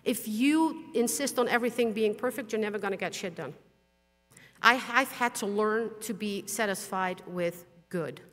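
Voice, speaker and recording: Speaking in a large conference hall, a middle-aged woman who grew up speaking Dutch talks frankly and plainly, with occasional mild swearing. She has a fairly bright, mid-range voice at a moderate pace, and the hall adds a long reverb.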